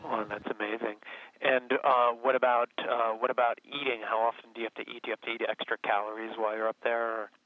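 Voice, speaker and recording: A man's voice: medium pitch, flat delivery, fast talker, no echo. A man asking casual, curious questions over a radio link like a sci-fi communicator. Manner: curious, easygoing questions with fillers. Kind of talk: casual live chat. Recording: tinny dry radio line.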